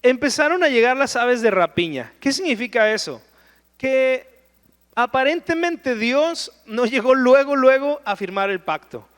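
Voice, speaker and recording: A man's voice: extremely high pitch, animated, a little slow, a bit bright, long reverb tail. A man preaching a verse-by-verse Bible study in an earnest, conversational way. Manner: conversational, earnest, with rhetorical "¿no?" asides.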